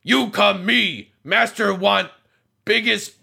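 A man voicing a slow-witted, hulking golem guard who talks in broken, simple phrases. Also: high voice, creaky, breathy edge, pitched above the performer's own voice, exaggerated voice. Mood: blunt, broken. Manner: broken simple speech, loud.

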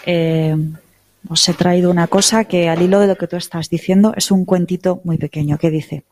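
A participant reads a short parable aloud to the group. The voice is mid-pitched, and the reading is measured and unhurried, like a storyteller's. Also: steady tone, darkish tone.

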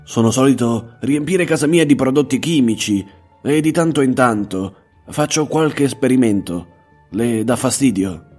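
Self-assured eccentric detective, read by a man, measured, husky voice, faint music behind. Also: mid-range voice, animated, a little mellow, natural voice. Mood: calm. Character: odd, blunt young male detective, self-assured.

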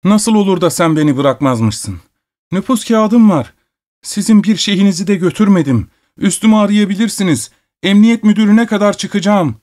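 A man voicing a drunk, distraught male musician who yells in a tearful voice, as a character in an audiobook. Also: high-pitched, expressive, normal speed, pitched above the performer's own voice. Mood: tearful shouting. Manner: tearful, yelling.

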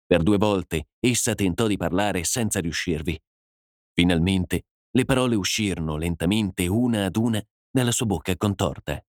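A man narrating a dramatic story as an audiobook, in a measured, dramatic way. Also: deep voice, no echo, clean studio sound.

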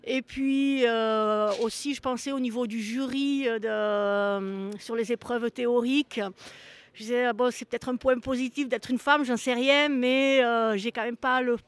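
Woman poker pro from southern France; Spanish-tinged accent, halting and chatty. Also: on the high side, fairly even intonation. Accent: southern French with a Spanish tinge. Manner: hesitant, many fillers, light laughs. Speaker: guest, professional poker player. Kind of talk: interview answers.

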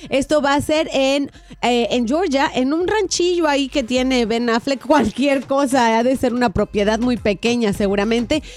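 A woman presenting celebrity gossip on a radio show in a playful, expressive, chatty way. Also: high-pitched, moderate pace.

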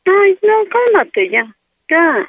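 A high-voiced woman pleads tearfully over the phone. Her voice comes through a thin, tinny phone line. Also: big pitch swings, slow pace. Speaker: prank call target.

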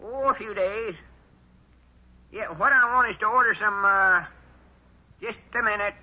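A man playing an old grandpa who puts on a squeaky high voice on the telephone, halting and flustered. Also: slightly rough. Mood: fake-polite flustered. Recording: dull lo-fi old radio recording.

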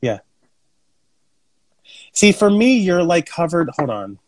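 A man co-hosting a casual chat on an Instagram live, animated and jokey, talking over a video call. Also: high voice, slow pace, no room sound, low-quality recording. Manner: animated, jokey, lots of fillers. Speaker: podcast co-host.

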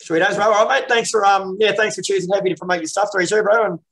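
A man's voice: high-pitched, fairly even intonation, quick pace, gravelly, fairly bright tone. A man hosting a casual music interview in a blokey, matey, sweary way.

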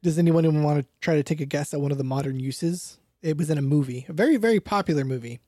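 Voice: medium pitch, fast, warm tone, no room sound, studio quality. A person hosting a casual guessing game, talking in a loose, hesitant way with many fillers. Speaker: quiz host. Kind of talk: casual podcast chat.

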